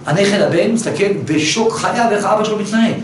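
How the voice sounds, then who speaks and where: A man giving a religious lesson, telling a parable and pressing his listeners with rhetorical questions. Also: sits high. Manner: animated storyteller, rhetorical questions. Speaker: religious teacher. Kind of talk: Torah lesson with a told parable. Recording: very echoey room, distant mic, faint noise.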